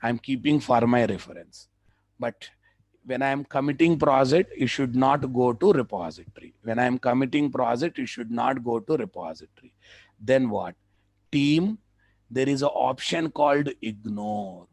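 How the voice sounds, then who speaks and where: A man with a Telugu Indian accent giving a live software tutorial as a trainer, repeating phrases for emphasis and checking that the class follows. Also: medium pitch, moderate pace, dry recording.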